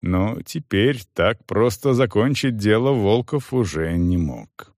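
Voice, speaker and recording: Male audiobook narrator, lively intonation, unhurried delivery. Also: fairly low pitch, dry recording, studio quality.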